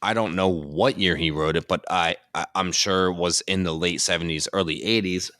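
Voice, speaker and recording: A man's voice: sits low, steady tone, moderate pace, bright, forceful tone, dry recording, clean studio sound. A man, a dancer and podcast co-host, chatting casually and thinking aloud with lots of fillers. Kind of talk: casual chat.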